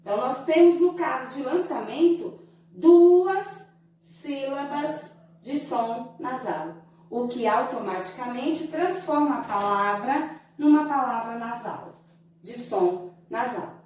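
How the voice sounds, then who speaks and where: A Brazilian woman teacher giving a slow, didactic lesson to young children, stretching out syllables to show how they sound. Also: high-pitched, lively intonation, darkish tone, recorded from a distance, slight background noise. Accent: Brazilian Portuguese. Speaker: primary school teacher. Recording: very echoey room, voice from away from the mic.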